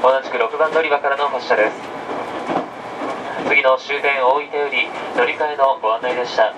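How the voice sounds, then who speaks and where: A man working as a train conductor, making formal, measured and polite onboard announcements. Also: fairly even intonation, far from the mic. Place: inside a moving train carriage. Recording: train PA from afar, loud carriage rumble. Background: train running noise.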